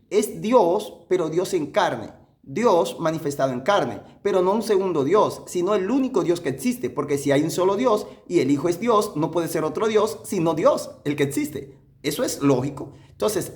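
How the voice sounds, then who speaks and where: Emphatic pastor with a higher voice. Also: male voice, darkish tone. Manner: repetitive, emphatic, reasoning step by step with rhetorical questions; slows down to read verses aloud. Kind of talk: sermon-style Bible teaching.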